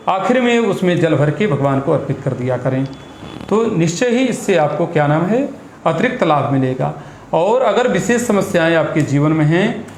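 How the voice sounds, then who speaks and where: An astrologer and priest appears as a guest, explaining ritual practice in a measured, instructive way and dropping in Sanskrit terms. His slightly high voice has a darkish tone, heard in an echoey room with faint background noise.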